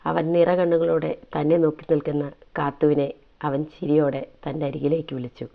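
A man's voice: on the high side, flat delivery, brisk, creaky. Brief: a man reading a serialized family story with feeling, lo-fi phone-like audio. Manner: emotive, reflective narration.

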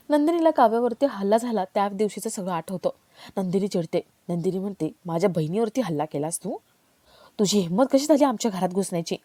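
Woman, serial recap narrator, mellow tone, close dry recording. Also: mid-range voice, no echo. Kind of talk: reading a serial episode recap aloud.

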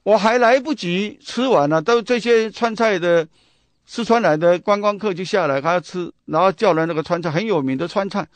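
A man's voice: sits high, normal speed, no room sound. A man with a Taiwanese Mandarin accent, hosting a radio book talk, chatty and full of rhetorical questions and storytelling. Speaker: radio host.

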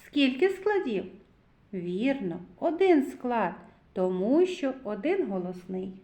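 A woman teaching a literacy lesson to young children, slowly sounding out syllables and words in a sing-song way. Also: on the high side, big pitch swings, warm tone, reverberant. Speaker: kindergarten teacher.

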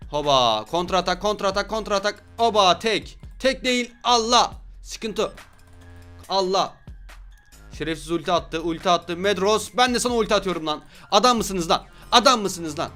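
A young man giving loud, joking commentary on an online game he plays, swearing at his opponents. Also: fairly high pitch. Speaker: gaming YouTuber. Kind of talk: excited gameplay commentary.

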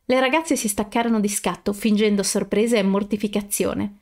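A woman reading fan fiction aloud as an audiobook narrator, steady storytelling with occasional self-corrections. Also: mid-range voice, a little fast.

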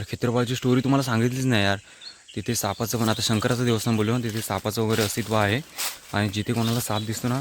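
A man's voice: medium pitch, a bit bright, slight background noise. Chatty young man vlogging outdoors. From Konkan, India. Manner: chatty, mixes English words, talks to viewers directly. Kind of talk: casual walking vlog narration. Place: outdoors in forest and fields.

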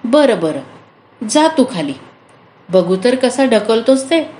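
A woman's voice: fairly high pitch, big pitch swings, takes it slowly, mellow. A woman storyteller voicing a cheerful, bossy village farmer who teases a small mouse, heard with a roomy echo. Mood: teasing.

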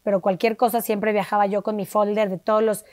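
A Mexican woman, an interview guest, telling a personal story in a lively way and acting out the voices of the people she quotes. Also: medium pitch, a little fast, no echo. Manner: animated, acts out quoted dialogue with shifting voices. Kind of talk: conversational storytelling.

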